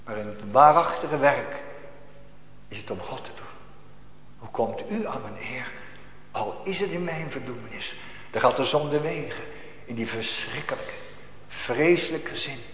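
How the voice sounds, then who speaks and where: A man preaching a sermon emphatically, repeating phrases and swinging from loud to hushed. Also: mid-range voice, expressive, measured pace, long pauses, slight background noise. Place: church. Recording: echoey church hall with faint ambience.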